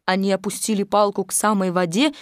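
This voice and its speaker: A woman narrating a children's storybook aloud with an expressive, even-paced reading. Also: mid-range voice, fairly quick, no room sound, studio quality.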